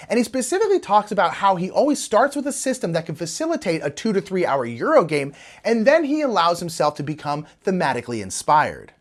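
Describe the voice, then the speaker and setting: Lively woman as parody news anchor. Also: fairly low pitch. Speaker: co-host of a satirical board game news show. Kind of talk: scripted comedic news.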